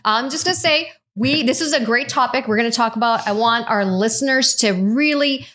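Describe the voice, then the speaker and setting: Higher-voiced woman hosting a chat. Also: a little fast, a bit bright. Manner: bossy big-sister moderating. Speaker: podcast host and moderator. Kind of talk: casual podcast chat.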